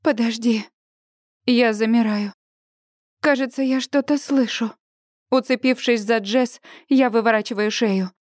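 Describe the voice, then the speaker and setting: A woman narrating a first-person audiobook in an expressive, dramatic reading style. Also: a little high, unhurried, no room sound, studio quality.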